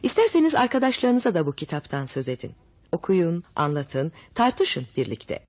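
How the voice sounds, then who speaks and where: A woman's voice: lowish voice, big pitch swings, normal speed, no echo. A woman narrating a children's story summary and speaking directly to listeners. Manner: warm direct address to listeners. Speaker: audiobook narrator.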